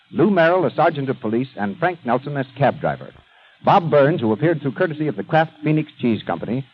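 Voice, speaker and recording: Formal 1930s radio announcer man, old broadcast. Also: on the high side. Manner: formal, polished announcer delivery. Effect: old radio show broadcast sound. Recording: dull lo-fi 1930s radio recording with faint hiss.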